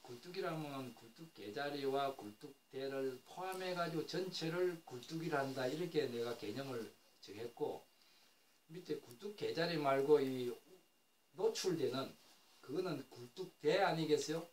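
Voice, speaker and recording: Speaking at normal speed in a mid-range, somewhat dark voice, an older man gives a classroom talk about traditional floor heating. His explanation wanders, full of fillers and self-corrections, and the lecture-room recording is echoey, distant and faintly noisy.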